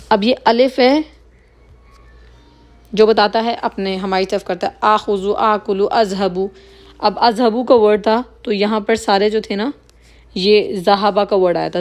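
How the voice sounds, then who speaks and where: A woman teaching Arabic vocabulary, saying each word slowly, repeating it and explaining its meaning. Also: medium pitch, a little mellow. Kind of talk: slow explanatory lesson, mixing Hindi-Urdu and English.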